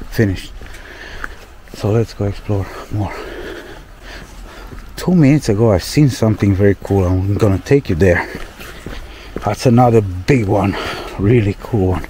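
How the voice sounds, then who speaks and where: A young man from Romania walks through a town outdoors, narrating his travel vlog to viewers into a handheld camera mic. His voice is low and dark-toned, his speech slow, full of exclamations and loose fillers. A faint hiss of noise sits under him. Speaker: travel vlogger. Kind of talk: casual walking vlog.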